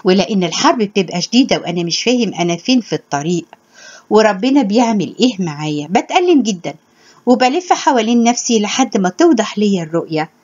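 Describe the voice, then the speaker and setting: A woman with an Egyptian Arabic accent giving a sermon in an earnest, measured teaching tone, with scripture read aloud. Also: medium pitch, sing-song, a little mellow. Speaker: religious teacher. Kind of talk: spoken sermon with scripture reading. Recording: dull lo-fi recording.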